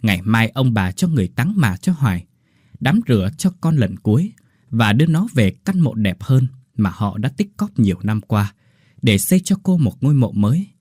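A man reading a horror story aloud as a storyteller, with dramatic, expressive delivery. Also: mid-range voice, normal speed, breathy edge, no room sound, clean studio sound. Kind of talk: scripted horror story narration.

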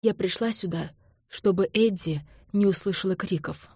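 A woman reading the lines of a young woman who speaks softly and then cries out in desperation, in an audiobook. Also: mid-range voice, normal speed, husky, no echo, studio quality. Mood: quiet. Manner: soft voice breaking into pleading cries.

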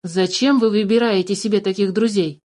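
A woman's voice: mid-range voice, steady tone, normal speed, a little mellow, lightly acted. A woman voicing a polite, honest young boy in a storybook reading, earnest and courteous.

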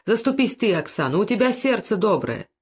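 A woman reading an audiobook, voicing a frightened nobleman who begs for his life in a high, strained voice. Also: sing-song, brisk, breathy edge. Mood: pleading. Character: frightened pleading old nobleman.

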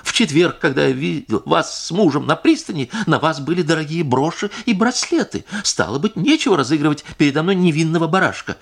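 A man's voice: on the high side, lively intonation, normal speed, pitched above the performer's own voice. A male audiobook reader voicing a distraught, indignant noblewoman who pleads and accuses by turns. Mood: bitter. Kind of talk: audiobook character reading.

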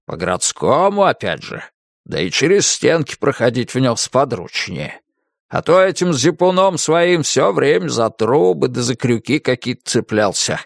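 A man's voice: medium pitch, gravelly, no room sound, studio quality. A man voicing a fussy, bearded old male house spirit in an audiobook, grumpy and reproachful. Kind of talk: audiobook character voice.

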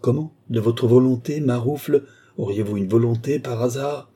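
A man's voice: medium pitch, steady tone, normal speed, mellow, slightly rough, lightly acted. A man voicing a haughty, irascible older baron in an audiobook, with a scornful, blustering manner. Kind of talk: audiobook character reading.

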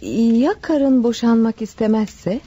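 Manuela, a husky coy temptress. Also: female voice, fairly high pitch, slow pace, dark tone, dull audio. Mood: coaxing. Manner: coy, teasing, manipulative. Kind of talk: 1970s-style radio drama acting.

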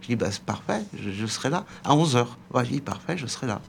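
A man's voice: mid-range voice, quick pace, creaky, slight background noise. A man in his sixties, a radio interview guest and former bookseller, recounting an anecdote and acting out the dialogue. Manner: lively storytelling, acting out quoted dialogue.

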